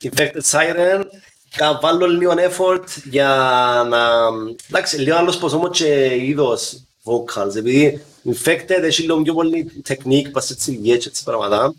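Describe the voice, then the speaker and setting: A man with a Greek Cypriot accent, a musician being interviewed, talking casually and haltingly with English words mixed into his dialect. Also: on the high side. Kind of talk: casual chat.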